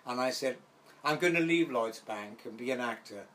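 His mid-range voice is animated and a little bright, moving at a normal speed. The older Welsh actor, lightly accented, is an interview guest given to rambling anecdotes and reminiscence, acting out the voices he quotes.

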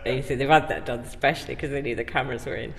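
This middle-aged woman, an actor being interviewed, races along in a bass voice with a steady tone, effusive and emphatic in her casual chat. The interview takes place in an indoor stairwell, and the sound is very echoey.

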